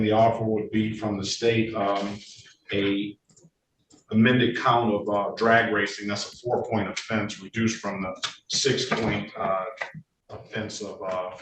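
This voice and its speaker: A man's voice: fairly low pitch, little pitch movement, takes it slowly, pauses often. A male judge presiding over a court hearing, talking in a procedural way with frequent uh and um fillers, heard on a courtroom recording. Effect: courtroom recording from a distant room mic. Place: courtroom or judge's meeting room, indoors. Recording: echoey room, distant mic, faint noise.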